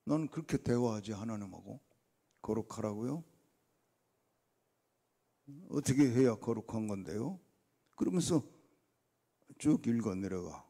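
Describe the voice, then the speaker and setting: A man's voice: lowish voice, expressive, measured pace, long pauses, dark tone. An older man preaching a dawn revival sermon, telling stories and acting out his own conversations with God. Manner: storytelling, acts out his talks with God. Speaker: guest preacher.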